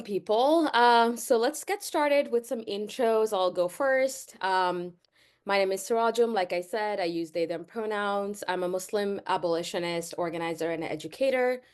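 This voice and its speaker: A woman from Bangladesh, leading an online workshop in an earnest, measured way with frequent "um" pauses, heard over a video call. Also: medium pitch, darkish tone. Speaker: workshop facilitator.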